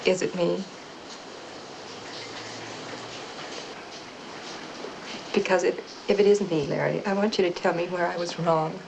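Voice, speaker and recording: An actress playing a wounded, desperate suburban wife in a 1960s film drama, speaking in a halting, broken-up way. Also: female voice, fairly low pitch, fairly even intonation, creaky, noisy background. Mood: pleading.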